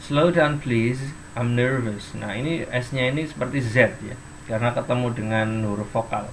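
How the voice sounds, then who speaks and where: A man's voice: mid-range voice, fairly even intonation, moderate pace, slight background noise. A man teaching English in an online class, explaining step by step and reading example sentences and dictionary entries aloud.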